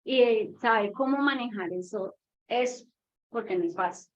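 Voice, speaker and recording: A woman's voice: a little high, unhurried. A mother, telling a long story about her child and asking a question in casual talk, with many fillers. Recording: dull lo-fi audio with faint noise.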